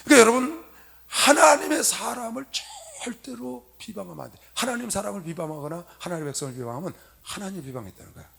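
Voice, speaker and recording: A middle-aged man preaching a sermon to young people in a convention hall, telling stories with loud stresses and soft asides. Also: high-pitched, racing, vocal fry, few pauses. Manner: animated storytelling, swinging from loud emphasis to soft asides. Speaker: pastor.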